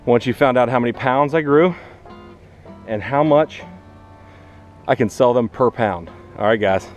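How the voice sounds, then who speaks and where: A teacher and gardener runs a relaxed instructional vlog, addressing viewers directly and walking them through each step like a teacher would. His mid-range voice is unhurried, with music playing in the background.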